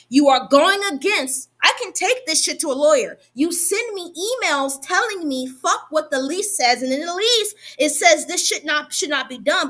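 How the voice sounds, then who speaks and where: Agitated, swearing young woman with a bright voice. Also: high voice. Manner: heated and profane, rapid run-on talk with restarts. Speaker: vlogger. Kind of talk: angry venting monologue.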